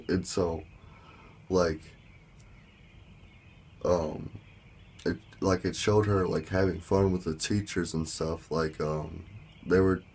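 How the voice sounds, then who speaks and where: A man telling a story in a casual vlog, rambling with lots of fillers and small laughs, with a sore lower back. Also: fairly even intonation, slow pace, long pauses, darkish tone, breathy edge. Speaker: vlogger.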